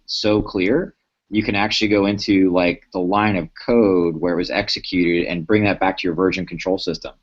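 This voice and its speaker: Deep-voiced man in rambling tech chat. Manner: rambling, hesitant, many fillers. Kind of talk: casual tech panel chat. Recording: dull lo-fi stream audio.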